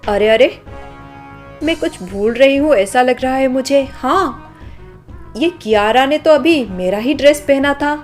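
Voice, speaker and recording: A woman's voice: sits high, animated, a little slow, soft background music. A woman voicing an arrogant, spoiled young woman from a rich family who scolds and sneers, in a storybook drama. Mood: haughty scolding.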